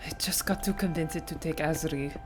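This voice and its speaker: Brief: young woman streamer, lowish voice, nervous self-talk, whispers, faint music behind. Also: steady tone, normal speed. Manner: anxious self-talk, repeating reassurances, drops to whispers; argues back at chat. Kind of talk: live-streamed gameplay with in-character roleplay.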